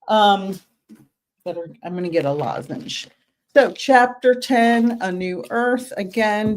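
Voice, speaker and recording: The host of this casual live-stream book club is a middle-aged woman with a lowish voice gone hoarse from teaching, and she welcomes viewers by name as she chats.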